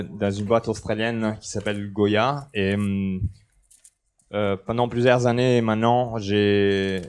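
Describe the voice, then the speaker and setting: A smooth, lowish voice belongs to a thirty-something Italian conference speaker, native in Italian, delivering a technical talk on stage in a large hall with a headset mic. He keeps things relaxed and jokey, pausing with many hesitations.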